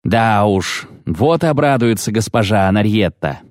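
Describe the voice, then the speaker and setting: A boisterous, pompous baron knight, as a male reader puts him on, full of bluster. His voice leaps about in pitch, dry and close to the mic. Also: lively intonation, a little slow, no echo. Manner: boisterous, repeats a pet oath.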